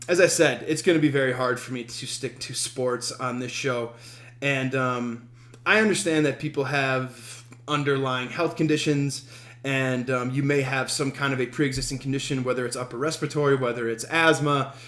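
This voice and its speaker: Rambling man with a bright voice. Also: medium pitch, roomy sound. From Denver, USA. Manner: rambling, halting delivery full of ums; wry, self-amused humor. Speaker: podcast host. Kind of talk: casual storytelling monologue.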